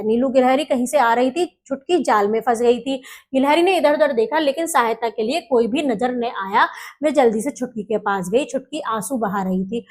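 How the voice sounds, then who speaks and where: High-voiced woman teaching a story lesson. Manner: reads a line, then explains words simply and quizzes the class. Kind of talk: reading and explaining a children's story lesson.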